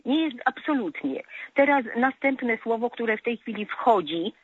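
A woman's voice: a little high, lively intonation, unhurried, slightly rough, no room sound. A woman calling in to a radio show, lecturing on correct speech with many hesitant filler sounds. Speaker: radio caller. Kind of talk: call-in talk about correct speech. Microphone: telephone. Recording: tinny phone line.

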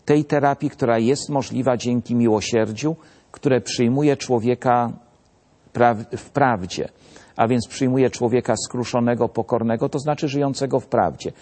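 A man's voice: medium pitch, steady tone, mellow. Emphatic man giving religious commentary. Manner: measured, emphatic, repeats key phrases.

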